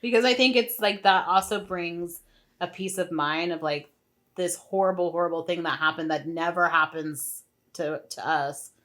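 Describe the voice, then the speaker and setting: A woman's voice: lowish voice, moderate pace. A woman co-hosting a book club podcast, chatting casually and acting out lines from the story. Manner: animated, slangy retelling with quoted asides. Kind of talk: casual chat.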